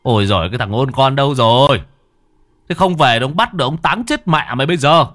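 A rough middle-aged fisherman father, as a man puts him on, loud and cursing as he scolds. The voice leaps around in pitch and sits dry and close. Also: sing-song, normal speed, dry recording. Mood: shouting. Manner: loud, scolding, coarse curses.

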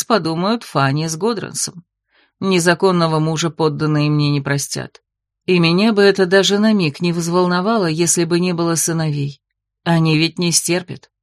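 Queen, tender but firm, woman reading, soft earnest delivery. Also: low-pitched, dry recording, clean studio sound.

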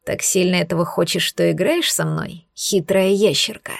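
A woman voicing a domineering young male werewolf in an audiobook, speaking low, hushed and slow. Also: steady tone, creaky, no echo. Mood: bitter. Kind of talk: audiobook character voice.

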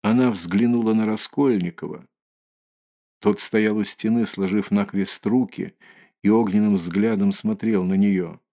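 A man narrating a classic novel in a measured, even reading. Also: lowish voice. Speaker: audiobook narrator. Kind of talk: scripted narration.

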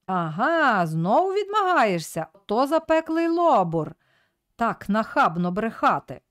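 A rude, bullying male editor from an audiobook, all scolding and yelling, as a woman reader puts him on. The voice jumps up and down sharply in pitch, and the reading sounds close and dry. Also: big pitch swings, measured pace, no room sound. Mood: shouting. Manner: scolding, shouting, mocking.

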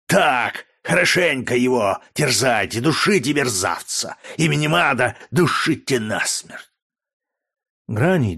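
A man narrating a historical novel in a steady, measured reading. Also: mid-range voice. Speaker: audiobook narrator. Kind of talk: scripted narration.

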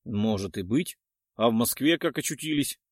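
A man narrating an audiobook in first person, wry and matter-of-fact with slangy asides. His mid-pitched voice moves lively up and down. The close mic gives a dry, studio-like sound. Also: moderate pace, no echo.

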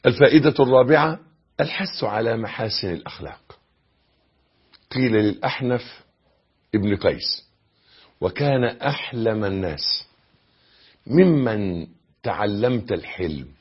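A man's voice: on the low side, animated, a little slow, long pauses, breathy edge. A man with an Egyptian Arabic accent giving a religious lesson as a preacher, stressing key phrases emphatically. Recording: dull lo-fi lecture recording.

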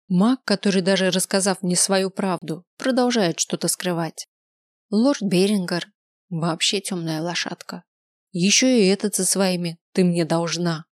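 A woman narrating a first-person novel in an expressive, lively storytelling manner. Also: medium pitch, no room sound, studio quality. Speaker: audiobook narrator.

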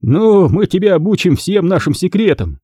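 A man's voice: high-pitched, big pitch swings, moderate pace, warm tone, husky, dry recording, studio quality, voice pushed up, full character voice. A man doing a hearty, jovial uncle. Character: jovial middle-aged uncle, a hasty photographer.

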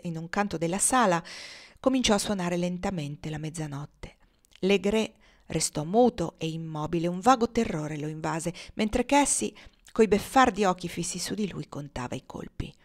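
A woman reading a classic novel aloud in a steady, measured storytelling voice. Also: lowish voice. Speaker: reader of a novel.

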